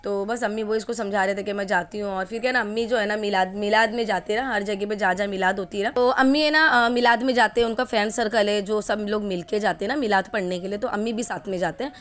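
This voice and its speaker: A woman's voice: mid-range voice, fast, hardly any pauses, fairly bright tone. A woman in her forties talking casually through a family vlog at home, rambling with lots of fillers. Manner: chatty, rambling, many fillers. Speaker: family vlogger. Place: home kitchen.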